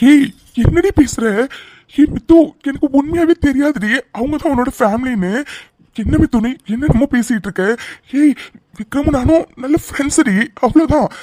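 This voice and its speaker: A man's voice: very high voice, warm tone, no echo. A man voicing a cartoon friend who begs forgiveness and a grieving father, in a pleading, apologetic manner. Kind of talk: cartoon voice acting.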